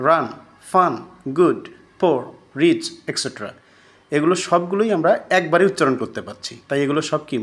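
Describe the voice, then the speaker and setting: A man's voice: fairly high pitch, fairly bright tone. A man teaching a recorded grammar lesson, who keeps asking his students questions and then answers them himself.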